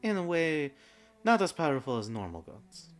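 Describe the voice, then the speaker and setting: Man voicing a stately, self-important goddess, lively pitch swings. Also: moderate pace, faint music behind. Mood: grave, curious. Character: short winged goddess woman, composed, grandly self-important. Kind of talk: tabletop role-play.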